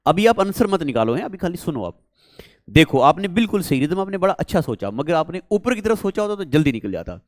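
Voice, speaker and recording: A man's voice: fairly high pitch, very animated, a little fast, dry recording, studio quality. A man teaching a maths class, coaxing students and asking them questions as he works through a problem. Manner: coaxing, repeats words, asks students questions.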